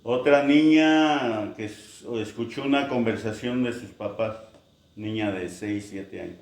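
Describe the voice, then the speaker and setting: A man's voice: fairly low pitch, unhurried. A man preaching a sermon, telling stories and acting out quoted voices. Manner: storytelling with acted-out quotes. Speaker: pastor. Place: church. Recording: echoey church hall.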